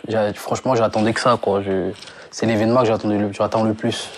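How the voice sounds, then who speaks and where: A man's voice: on the low side, a little fast, a little hiss or hum. A young man from Congo, a singer, chatting casually in an interview, slangy and full of restarts and fillers. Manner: relaxed slangy talk with many restarts and fillers. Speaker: singer guest.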